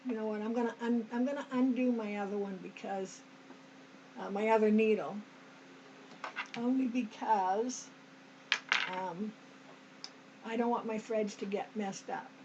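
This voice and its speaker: Amid background noise on a muffled recording, a woman with a mid-range voice presents a sewing tutorial at a measured pace, steady in tone and with long pauses. She's homey, addresses viewers as "us," often says okay and restarts, and clears her slightly dry throat as she works step by step.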